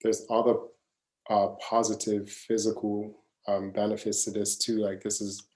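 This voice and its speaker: In an echoey room, a wellness coach in his mid-thirties gives a live masterclass talk at normal speed with a flat delivery. He's casual and earnest, doubling up phrases for weight, and his voice is fairly low with a dark, mellow tone.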